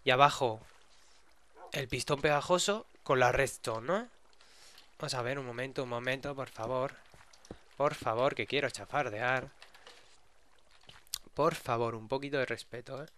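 Man, Spain Spanish accent, gaming commentary, bright tone, chatty, curious. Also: mid-range voice, unhurried, long pauses, a little hiss or hum. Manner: chatty, curious, talks to himself while exploring. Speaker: gaming YouTuber. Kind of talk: casual gameplay commentary.

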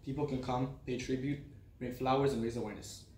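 Here a student from Israel, a young man in his teens or early twenties, delivers a prepared personal talk inside a small classroom. He speaks fairly quickly in a steady, slightly mellow mid-range voice. The recording comes from a camera sitting on a desk a few metres off, giving a roomy, far-off sound with a little background noise.

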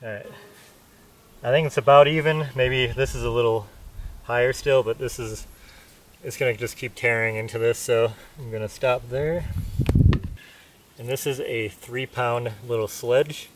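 With a medium-pitched, fairly even voice, this man works unhurriedly and pauses often while trying out camping hammers. He is matter-of-fact, reasoning aloud in a casual test among the pines on bare dirt, and the camera mic catches him from a distance with slight background noise.

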